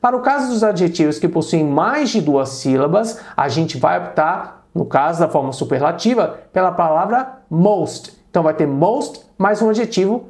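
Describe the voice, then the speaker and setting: A man with a Brazilian Portuguese accent gives a patient English grammar lesson. He repeats points, asks rhetorical questions and slowly sounds out the English examples. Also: sits high, lively intonation, darkish tone. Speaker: English teacher.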